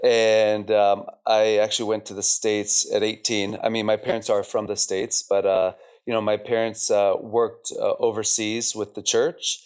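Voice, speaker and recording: A man in his thirties from Chile talks as an interview guest with a smooth, resonant voice. He pitches low and speaks in a relaxed way, full of fillers. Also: normal speed, hardly any pauses. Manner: relaxed, many fillers like um and you know. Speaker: school director, guest. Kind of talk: podcast interview.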